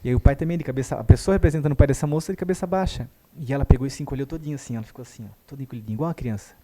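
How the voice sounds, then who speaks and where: A man tells a story quickly, his voice soft and mellow. He acts out the lines of the people in it with animated energy. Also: mid-range voice. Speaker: guest therapist. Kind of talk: conversational storytelling.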